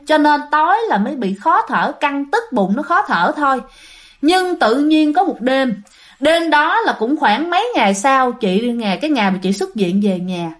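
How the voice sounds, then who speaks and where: A woman with a Southern Vietnamese accent telling a ghost story in a chatty way, speaking straight to her listeners. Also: high voice. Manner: chatty, addresses listeners directly.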